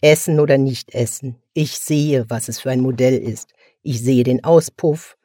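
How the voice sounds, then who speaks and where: A man's voice: mid-range voice, fairly even intonation, unhurried, warm tone, no echo, clean studio sound, natural voice. Man doing a curt, evasive brother. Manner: brusque, evasive. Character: curt defensive grown younger brother.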